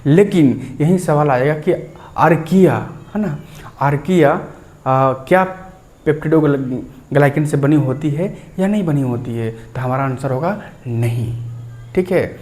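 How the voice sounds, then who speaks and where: A man's voice: a little high, a little slow, a little mellow. A man teaching a science lesson, explaining step by step, checking in with the listener and repeating key terms. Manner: clears throat now and then.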